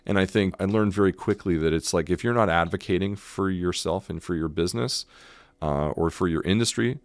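A man's voice: low-pitched, a little fast, no echo. A middle-aged man from Canada, a restaurant owner speaking as a guest in a casual podcast interview, earnest and emphatic, often repeating words as he thinks.

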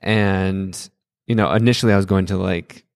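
A young man from Utah chats as a podcast guest in a low, level voice that barely rises or falls. He tells his stories in a loose, wandering way, full of fillers. The sound is close and dry. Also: moderate pace, gravelly, smooth, dry recording. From Utah, USA. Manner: relaxed, rambling storyteller with many fillers. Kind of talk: casual conversation.

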